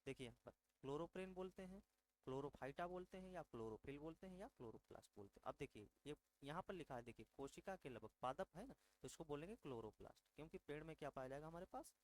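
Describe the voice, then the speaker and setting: Fairly high-voiced teacher drilling exam answers. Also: male voice, lively intonation, quick pace, slight background noise, rough recording. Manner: repetitive, quizzing the viewers and answering himself; drills facts with reminders to memorise them. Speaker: exam-prep science teacher. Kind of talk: online exam-prep lesson.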